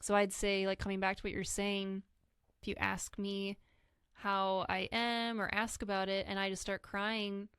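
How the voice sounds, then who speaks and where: A woman's voice: medium pitch, little pitch movement, measured pace, fairly bright tone, clear, resonant tone, no echo, studio quality. A woman talking candidly and reflectively in a podcast conversation, sometimes acting out what other people said to her. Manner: earnest, reflective, acts out quoted voices. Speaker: guest sharing grief experience.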